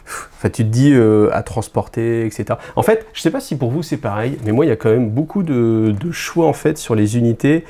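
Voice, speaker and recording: A man's voice: mid-range voice, lively intonation, fairly quick, warm tone. A man giving a casual, rambling hobby review, hesitant, with many fillers and restarts and chatty asides to his viewers. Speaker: YouTube host reviewing a wargame codex.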